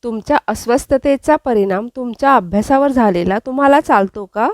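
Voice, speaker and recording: A woman's voice: on the high side, a little fast, dry recording, clean studio sound, close to an everyday voice. A woman voicing a playful, teasing young man in a retold serial scene. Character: young man, teasing, gently mocking hero. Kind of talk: recounted serial dialogue.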